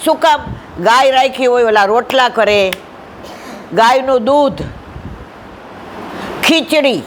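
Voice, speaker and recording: A woman's voice: on the high side, takes it slowly, a little hiss or hum, poor audio. A woman leading a devotional satsang, telling stories in a conversational way and often calling her listeners "my dear". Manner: conversational, asks the audience questions. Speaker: satsang speaker. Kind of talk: devotional satsang talk with storytelling.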